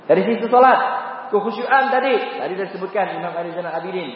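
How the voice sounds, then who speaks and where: A man's voice: high-pitched, fast, slight background noise. A man preaching a sermon, telling stories with acted voices and rhetorical questions. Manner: animated storytelling, acts out voices, rhetorical questions. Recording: echoey hall, distant mic, dull sound.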